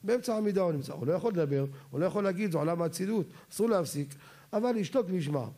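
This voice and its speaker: A man gives a Torah lecture about religious law in a voice that is a little high for a man but mellow and warm. He speaks expressively, repeatedly posing questions to his listeners and then answering them himself.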